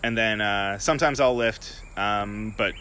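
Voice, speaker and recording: A man talking in a relaxed, rambling way in a casual podcast chat, swearing now and then. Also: lowish voice, measured pace, smooth.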